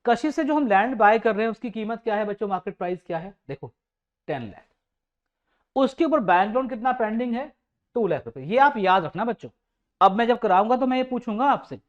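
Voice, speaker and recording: A man's voice: high-pitched, lively intonation, brisk, dull audio. A male teacher giving a classroom lecture, affectionate with his students, repeating points and quizzing the class. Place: coaching classroom.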